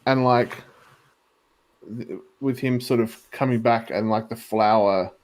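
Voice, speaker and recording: A man's voice: medium pitch, measured pace. A man co-hosting a livestream, explaining things in a hesitant, rambling way full of likes and ums. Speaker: live artist co-host. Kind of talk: casual livestream chat.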